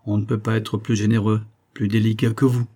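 A man's voice: fairly low pitch, level tone, fairly quick, dark tone, lightly acted. A man voicing a tearful, emotional older uncle in a read-aloud novel. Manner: choked with emotion.

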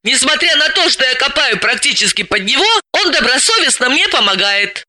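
A man reading an audiobook, voicing a timid, indignant young woman sleuth in a high, breathless, exclaiming voice. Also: big pitch swings, normal speed, sharp tone, no room sound, heavily acted. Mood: defensive.

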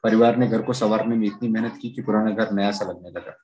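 A man narrating a children's story read aloud, steady and even. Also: lowish voice, quick pace, dull audio.

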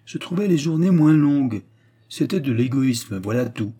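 A man voicing a gruff, irritable old professor who grumbles and flares up. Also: mid-range voice, animated, moderate pace, mellow, lightly acted. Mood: angry.

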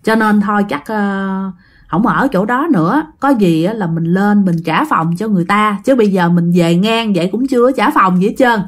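A woman's voice: medium pitch, normal speed. A woman casually retelling a ghost story and speaking directly to her listeners. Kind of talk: spoken ghost story narration.

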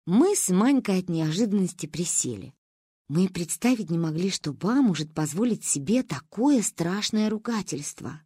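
A woman narrating a story in an expressive, animated reading. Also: fairly low pitch, normal speed, breathy edge, dry recording, studio quality. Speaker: audiobook narrator.

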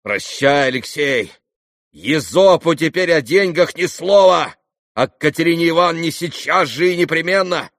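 A man's voice: fairly high pitch, animated, normal speed, fairly bright tone, dry recording, studio quality, pitched above the performer's own voice. A man doing a wild passionate young brawler. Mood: feverish. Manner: panting, fierce declarations.

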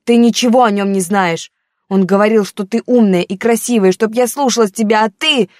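A woman's voice: mid-range voice, normal speed, dry recording, clean studio sound, voice pushed up, close to an everyday voice. Woman voicing a defiant teenage girl. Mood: tearful, accusing. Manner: shouting, accusing, on the verge of tears.

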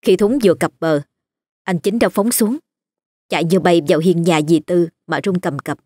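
A narrator telling a ghost story in a steady, scripted way. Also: medium pitch, moderate pace, dry recording, studio quality.

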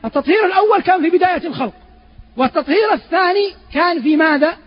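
High-voiced fast-talking male preacher. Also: muffled recording. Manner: asks the audience questions and answers them himself; recites Quran verses in a chanting tone. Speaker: Islamic preacher. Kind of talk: Quran commentary lesson.

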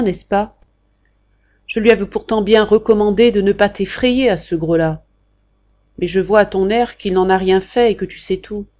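A woman reading a brave, dying young man with a soft, tender voice that fades toward a hush. The audiobook sound is slightly dull. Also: mid-range voice, lightly acted.

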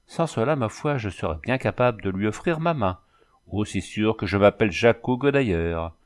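A man's voice: fairly low pitch, expressive, moderate pace, natural voice. A man voicing a boisterous, flirtatious former cavalry soldier who talks in boastful, rattling exclamations.

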